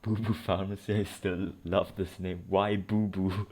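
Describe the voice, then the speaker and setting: Over game music, a gamer narrates his playthrough in a deep, darkish voice at a measured pace and with flat delivery. His commentary is casual and rambling, full of incredulous thinking aloud.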